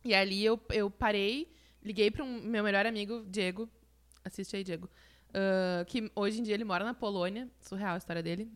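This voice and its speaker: A woman's voice: mid-range voice, normal speed. A woman in her thirties with a southern Brazilian gaúcho accent, a guest telling her story in a casual chat. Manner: animated storytelling, acts out voices in her story. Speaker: guest, influencer.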